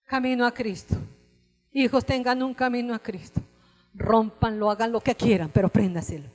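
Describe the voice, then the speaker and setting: A woman preaching a sermon with passion, rising to cries and dropping to hushed tones. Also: on the high side, fairly even intonation, moderate pace, in a large hall, soft background music. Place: church service.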